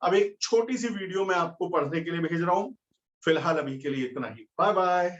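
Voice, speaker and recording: A man's voice: high-pitched, expressive, fairly quick. A man teaching a physics class, explaining step by step and asking his students questions. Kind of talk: classroom lecture. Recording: dull lo-fi recording.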